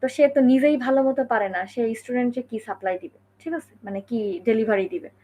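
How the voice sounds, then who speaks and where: A woman's voice: a little high, quick pace, dark tone, a little hiss or hum. A woman from Bangladesh giving a casual spoken lesson, talking in a conversational way and often checking in with the listener. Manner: conversational, many fillers and check-ins. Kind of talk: casual explanatory talk.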